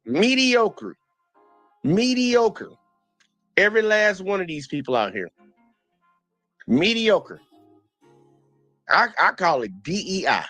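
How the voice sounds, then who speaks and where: A man streaming his reaction to a police video, talking in blunt, animated casual commentary and repeating points for emphasis. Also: fairly high pitch, brisk, no room sound, soft background music.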